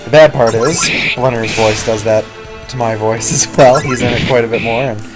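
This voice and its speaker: A man's voice: mid-range voice, fairly even intonation, moderate pace. A man giving casual, rambling commentary on a role-playing game, his throat sore and prone to coughs. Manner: chatty, rambling, self-correcting. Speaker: let's-play host. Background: game music.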